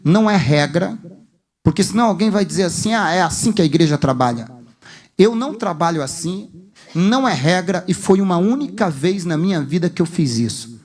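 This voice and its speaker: A man's voice: high voice, expressive, brisk, darkish tone. A man with a Brazilian accent preaching a sermon as a pastor, telling an emphatic story full of acted dialogue.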